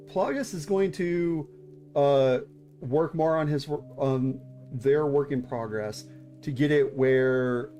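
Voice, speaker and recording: Chatting loosely with his audience, this VTuber streamer in his thirties runs writing critiques in a medium-pitched, darkish voice. His speech is halting, full of fillers and restarts.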